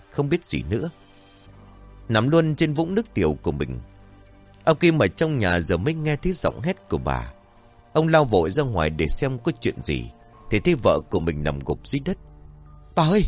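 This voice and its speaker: A man narrating a scripted horror story in a dramatic, suspenseful way. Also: on the low side.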